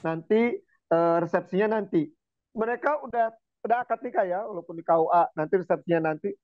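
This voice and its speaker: Man preaching, animated storyteller, chants verses slowly, dry close sound, tinny phone-like recording. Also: high-pitched, dry recording. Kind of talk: casual religious talk.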